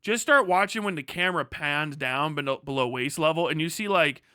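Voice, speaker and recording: A livestream host with a fairly high, bright, clean voice rambles off the cuff a little fast, swearing freely and drifting into joking, exaggerated rants. The sound is close and dry, without room sound.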